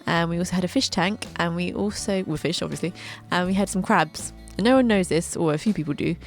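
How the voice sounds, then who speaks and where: A woman in her 20s from England narrates her own life story in a scripted voiceover for a drawing video, adding chatty, joking asides. Her voice is lowish and brisk, with soft music playing underneath.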